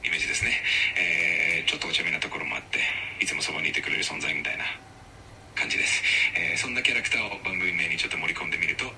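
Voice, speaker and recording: A male text-to-speech AI assistant voice that talks politely and earnestly, sounding formal even when attempting a put-on Kansai dialect. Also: low voice, racing, gravelly, far from the mic, background noise. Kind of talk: polite scripted assistant chat.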